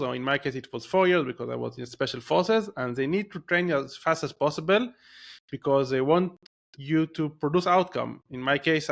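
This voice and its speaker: This podcast guest's voice is fairly high and creaky. A man in his thirties with an Israeli accent, he rambles through his story in a casual interview, with lots of fillers and false starts.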